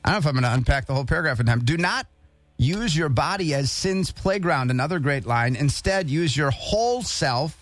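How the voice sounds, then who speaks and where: Chatty male radio host, higher voice. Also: expressive, brisk, a bit bright. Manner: chatty and joking, reads aloud with asides. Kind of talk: casual radio chat.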